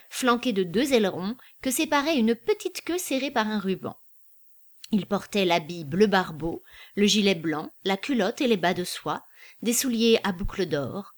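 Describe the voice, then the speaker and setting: A woman reads a classic novel aloud as narrator. Her delivery is measured and clear, with a steady literary cadence. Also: medium pitch.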